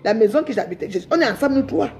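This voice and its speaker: A woman's voice: on the high side, expressive, very fast, a little mellow, soft background music. A middle-aged woman, ranting defiantly on a live stream and rambling with repeated words. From Cameroon. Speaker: social media livestreamer.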